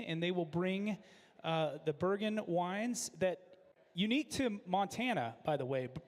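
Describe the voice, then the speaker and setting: A man hosting an event with unscripted announcements, often pausing mid-phrase. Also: high voice. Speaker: event host. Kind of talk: unscripted announcements at a benefit auction. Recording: echoey hall with long reverb.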